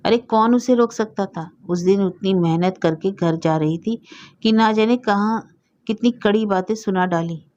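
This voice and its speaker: A woman's voice: mid-range voice, measured pace, a little mellow, dull audio, lightly acted. A woman reading the lines of a hurt, proud older wife who speaks defensively.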